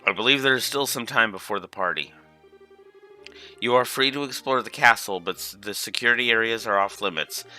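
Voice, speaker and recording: A man's voice: medium pitch, a little fast, sharp tone, faint music behind. A man voicing a dutiful, deferential maid in a video game, speaking formally. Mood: courteous. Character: polite, dutiful young castle maid.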